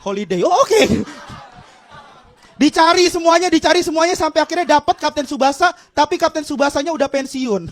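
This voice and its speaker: A man's voice: very high voice, fairly even intonation, quick pace, hardly any pauses. A man with a Jakarta Indonesian accent performing stand-up comedy as an escalating rant, exclaiming and acting out bits of dialogue.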